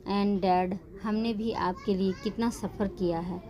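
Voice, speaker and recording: A woman's voice: mid-range voice, fairly even intonation, takes it slowly, warm tone, dull audio, natural voice. A woman voicing a resentful young man complaining to his father in a storybook reading. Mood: sulky. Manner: sulky, self-pitying.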